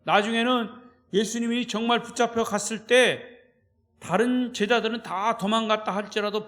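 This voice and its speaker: A male pastor delivering an evening service sermon in a notably high voice. He preaches with emphasis and keeps turning to the congregation with short prompts to draw them in. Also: fairly bright tone. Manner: emphatic, checks in with listeners with "예?".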